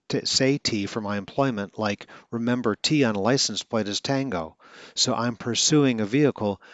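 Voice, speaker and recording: Speaking in casual conversation as a speech coach, this Atlanta, Georgia man is earnest, with the odd stutter and self-correction. He has a lowish, slightly bright voice and the recording has no echo.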